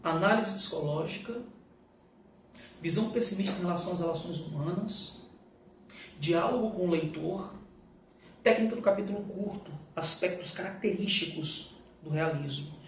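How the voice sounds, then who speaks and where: A high-voiced Brazilian man, a literature teacher, gives a live lesson walking through exam questions at a moderate pace with long pauses. He is emphatic and didactic, asking and answering his own questions in an informal, slangy style. The recording has an echoey room, a distant mic, and faint noise.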